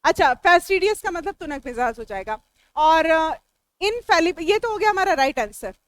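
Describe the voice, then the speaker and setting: A high-voiced woman with an Indian English accent gives an animated classroom lecture on English vocabulary, slowly breaking each word into its parts and explaining meanings step by step. She turns to the students to ask and answer questions, and her voice is close-miked in a dry room with no echo.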